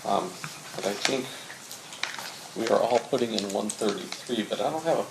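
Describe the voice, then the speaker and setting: A man with a lowish, creaky voice questions a witness as prosecutor at a moderate pace, methodical and peppered with "uh" and "um." Background noise and echo fill this courtroom recording.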